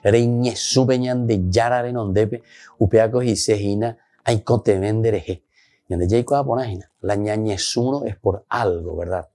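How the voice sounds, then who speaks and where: A man's voice: lowish voice, measured pace, warm tone. A Paraguayan priest preaching a sermon in Spanish mixed with Guarani, with emphatic rises in his voice. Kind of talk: sermon reflection.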